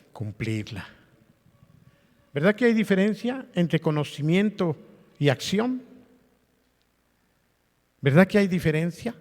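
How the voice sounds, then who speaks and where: A man's voice: fairly high pitch, a little mellow. Pastor guy preaching, chatty, keeps asking the crowd questions, echoey hall. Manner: conversational preaching with rhetorical questions to the congregation. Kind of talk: sermon. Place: church meeting hall. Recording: long hall reverb.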